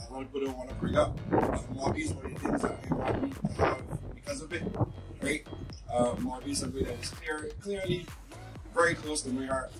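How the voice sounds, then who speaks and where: A man's voice: mid-range voice, distant mic, low-quality recording. A man presenting a cocktail to dinner guests, casual and enthusiastic. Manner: casual, enthusiastic, says "right?". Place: outdoor terrace at night. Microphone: handheld mic. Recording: handheld mic from afar, music.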